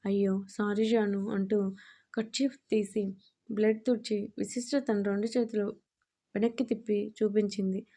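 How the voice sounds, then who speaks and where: A woman reads a romance story aloud with a mellow, relaxed voice. She speaks the lovers' lines with small shifts but stays close to her own even delivery. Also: medium pitch, moderate pace, breathy edge.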